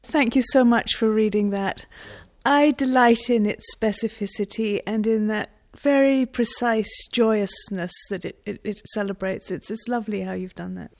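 Mellow, admiring woman from Scotland. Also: mid-range voice, normal speed. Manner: warm, admiring, gently enthusiastic. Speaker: interviewer. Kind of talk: interview questions.

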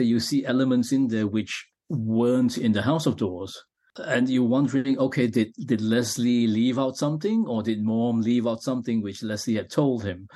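Middle-aged male author from Malaysia, husky voice, mid pitch, halting, reflective interview answers. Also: dark tone. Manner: halting, many restarts and fillers. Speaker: novelist being interviewed.

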